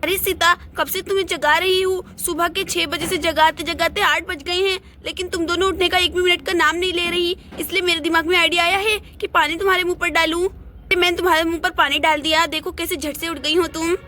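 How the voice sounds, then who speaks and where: A nagging, exasperated middle-aged doll aunt, voiced by a woman in a doll play story. The voice sits very high and sounds bright and sharp as she scolds. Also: fairly even intonation, brisk, slight background noise. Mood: scolding.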